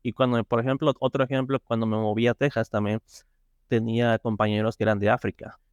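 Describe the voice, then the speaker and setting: A man's voice: medium pitch, flat delivery, a little fast, clear, resonant tone, no echo, lo-fi sound. A man, guest in a casual interview, talking hesitantly with many fillers and restarts. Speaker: interview guest, software tester.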